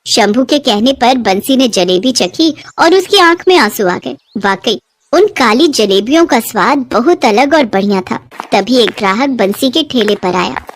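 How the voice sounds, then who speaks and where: A woman narrating a children's moral story in clear, expressive storytelling. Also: a little high, unhurried.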